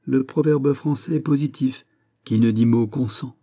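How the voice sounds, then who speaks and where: A man's voice: medium pitch, normal speed, dark tone, voice pushed up, close to an everyday voice. A man reading aloud, voicing a stern middle-aged king with a commanding, raised voice.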